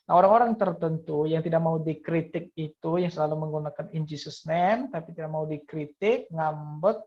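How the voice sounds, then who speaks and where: A woman's voice: low voice, fairly quick. A woman teaching Bible verses in a monologue, reading passages aloud and peppering her talk with "ya" and "nah". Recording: dull lo-fi recording.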